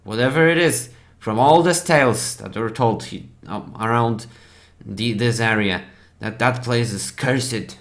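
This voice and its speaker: Man as guarded village elder, halting, evasive, mid pitch. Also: a bit bright. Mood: weary. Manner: hesitant, halting denials.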